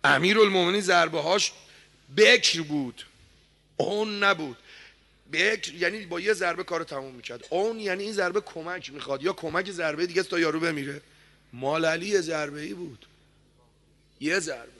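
A man preaching a sermon, telling a story dramatically and swinging from hushed tones to loud declaiming. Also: on the high side.

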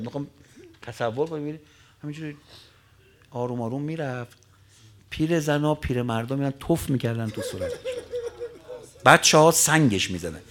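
A man with a gravelly, creaky voice delivers an emotional sermon in the manner of a dramatic storyteller. His voice leaps high and loud at the tense moments, then sinks to a low, quiet murmur. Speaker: preacher.

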